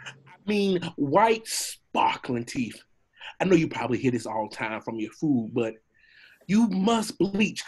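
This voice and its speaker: A man voicing a talkative, cowardly donkey in a read of an animated film script, with a husky voice and a jittery, rambling, wheedling manner. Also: a little high, exaggerated voice.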